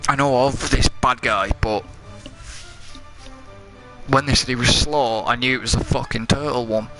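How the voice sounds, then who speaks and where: A young man giving let's play commentary, muttering, swearing and getting excitable as he plays. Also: medium pitch, measured pace. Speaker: gaming commentator. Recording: game music loud behind voice.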